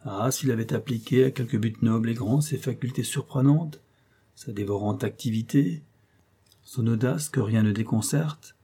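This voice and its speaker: A man narrating a classic novel as an audiobook, in a measured, expressive storytelling manner. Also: mid-range voice, slightly rough.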